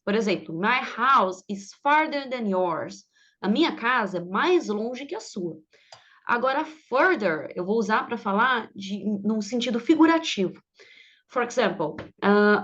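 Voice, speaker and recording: A woman from Brazil teaching English, reading example sentences slowly and translating them with patient explanations. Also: a little high, fairly bright tone. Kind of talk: online English lesson. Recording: dull lo-fi sound.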